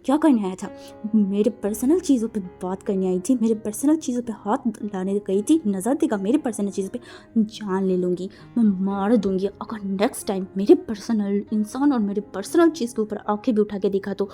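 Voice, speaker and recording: A jealous, hot-tempered young man, as a woman reads him out in a romance storybook. He shouts his threats in a raised, mellow-toned voice over faint music. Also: mid-range voice, normal speed, natural voice. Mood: furious. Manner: loud angry threats.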